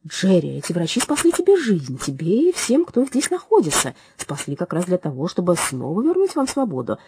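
A woman voicing a kind, patient woman doctor who reasons gently. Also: lowish voice, huge pitch swings, a little fast, a little hiss or hum. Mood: gentle.

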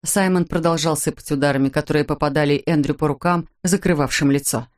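A woman with a fairly low voice narrates an audiobook. Her reading is measured and dramatic. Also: steady tone, a little mellow. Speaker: audiobook reader. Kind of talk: scripted narration.

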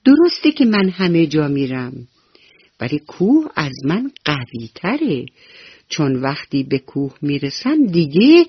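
A woman voicing the wind in a children's radio story, who speaks slowly and explains honestly. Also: deep voice, slightly rough, no room sound, full character voice. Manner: slow, explaining. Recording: slightly dull radio recording with soft music.

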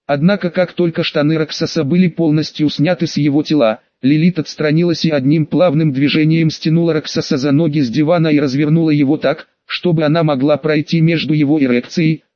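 A man narrating an audiobook in a steady, even read-aloud way, his voice sitting a touch high. The recording sounds dull and lo-fi, and it is close and dry. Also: dry recording. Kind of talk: scripted narration.

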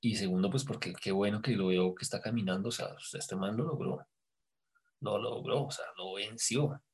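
Man, low husky gravelly voice, casual storyteller who goes hushed at the tense parts. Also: moderate pace. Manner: animated storyteller, drops to hushed voice when quoting himself. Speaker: guest recounting an experience.

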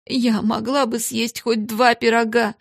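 A woman's voice: level tone, a little slow, gravelly, no room sound, studio quality. A woman voicing a poor, hungry young servant girl who pleads through tears in a storybook reading. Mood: tearful pleading. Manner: tearful, pleading, high.

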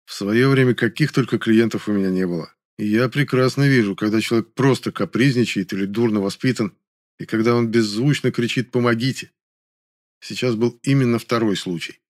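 Man calmly narrating an audiobook. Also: fairly low pitch, brisk, no echo, clean studio sound. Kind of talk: first-person audiobook narration.

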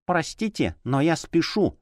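A man voicing a quick-witted young woman who is a living porcelain doll, in an audiobook, speaking politely and composedly in a slightly raised voice. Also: fairly high pitch, big pitch swings, darkish tone, no room sound, studio quality, pitched above the performer's own voice. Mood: cool, evasive. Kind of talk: audiobook character voice.

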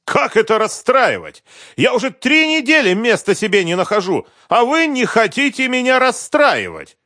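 A man voicing an enraged middle-aged businessman who yells accusations at an investigator. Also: very high voice, huge pitch swings, moderate pace, no echo, clean studio sound, pitched above the performer's own voice, exaggerated voice. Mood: furious shouting. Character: furious middle-aged male businessman, shouting, bullying.

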